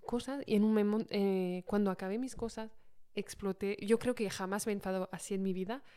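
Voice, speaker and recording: A woman's voice: mid-range voice, fairly even intonation, a little fast, mellow, clean tone. A woman, a podcast co-host telling a personal story in a casual, hesitant way with many fillers.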